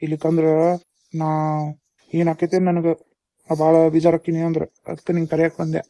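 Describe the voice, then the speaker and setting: Cartoon older brother, kind and protective, North Karnataka accent, monotone, dry sound; male actor. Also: on the high side, normal speed, no room sound, natural voice. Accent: North Karnataka Kannada. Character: young man, caring older brother. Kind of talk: cartoon voice acting.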